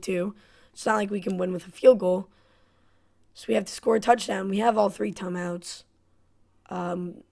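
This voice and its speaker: A woman's voice: medium pitch, creaky, a little mellow. A woman giving play-by-play commentary on her own football video game, frustrated and self-critical. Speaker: gaming YouTuber.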